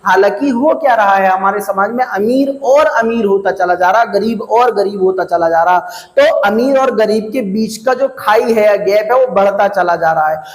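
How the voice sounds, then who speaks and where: A man teaching an exam prep lecture, slowly repeating key phrases to drill his students. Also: high voice. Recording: echoey classroom, long reverb.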